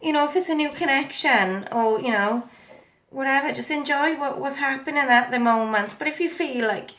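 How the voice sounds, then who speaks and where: Mujer charlatana leyendo cartas espirituales. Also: female voice, on the high side, fairly bright tone. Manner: chatty, many ums and you knows, reads card texts aloud. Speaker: tarot and oracle card reader. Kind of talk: casual spiritual card reading. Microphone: desk mic at a home setup with ring light.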